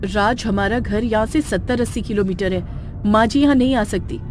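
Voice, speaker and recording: A woman voicing a worried young wife in an animated horror story, asking anxious questions. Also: mid-range voice, normal speed, faint music behind, lightly acted.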